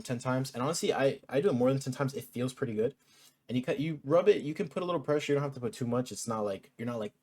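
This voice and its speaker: A man's voice: medium pitch, a little mellow. A man in his twenties talking in a casual, chatty vlog, full of fillers like "like" and "um". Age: 20s. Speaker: vlogger.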